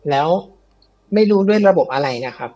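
A man's voice: a little high, animated, a little fast, dark tone, lo-fi sound. A man telling a ghost story in a casual, chatty way, with many fillers and repeats, on a live show. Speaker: guest storyteller of ghost stories.

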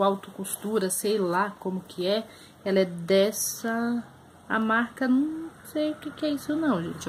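A young Brazilian vlogger with a Brazilian Portuguese accent chats casually to camera in a small room during a haul video, holding her thrift finds up close. She talks in a chatty way with many fillers. Her voice is medium-pitched, and there's slight background noise.

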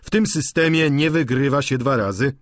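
A male audiobook narrator voicing a dignified old man who gives grave, calm advice. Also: medium pitch, normal speed, dry recording, studio quality, natural voice. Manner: grave, advising.

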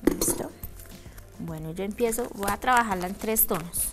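A woman teaching a step-by-step craft demonstration, checking in often with a quick "ready?" between steps. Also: mid-range voice, over loud music. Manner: checks in with a frequent "¿listo?". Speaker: craft instructor.

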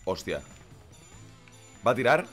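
Excitable male streamer with a runny nose, sweary, swings wildly up and down in pitch, faint music behind. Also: takes it slowly. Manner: excitable, swears constantly, shouts at the game. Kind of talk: live gaming stream commentary.

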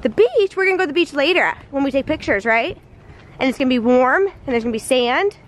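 Young mother, family vlog, high-pitched, animated and encouraging; faint background noise. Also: quick pace. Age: young adult. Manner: upbeat, coaxing a toddler. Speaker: vlogger mom. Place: resort pool and hotel hallway.

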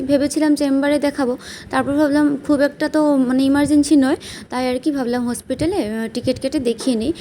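A woman's voice: high voice, warm tone, a little hiss or hum. A young woman with a Bengali accent, chatting casually through her day while unwell, with many fillers. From West Bengal, India. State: unwell with stomach pain. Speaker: vlogger. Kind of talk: casual vlog narration. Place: at home and out and about.

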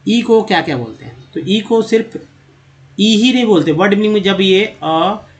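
In a video lesson, a man with a Hindi accent teaches English pronunciation in a high-pitched, animated voice. He repeats words slowly and addresses the viewers as friends.

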